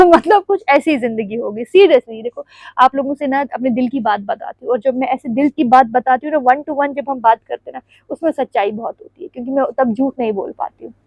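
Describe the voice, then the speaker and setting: A woman's voice: high voice, fairly quick, darkish tone, no echo, rough recording. A young woman vlogging at home, talking in a rambling, confiding way and laughing often as she chats. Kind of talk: casual chatty vlog. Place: at home, standing before the camera.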